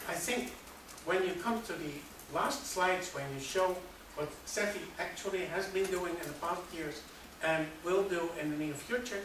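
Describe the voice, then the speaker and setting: Measured conference speaker, distant mic, strong hall echo and noise. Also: medium pitch. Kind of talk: conference talk. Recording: very echoey hall, far from mic, noisy.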